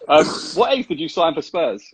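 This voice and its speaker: A man's voice: a little high, very animated, moderate pace, fairly bright tone, slightly rough, no room sound. A man hosting a casual interview over a video call, matey and loosely phrased. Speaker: interview host. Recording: faint noise and clicks on call.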